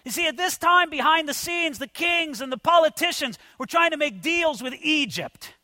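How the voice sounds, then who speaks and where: A man preaching an expository sermon in an animated, conversational way, addressing his listeners as friends. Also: extremely high pitch, moderate pace, no room sound, studio quality. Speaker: pastor.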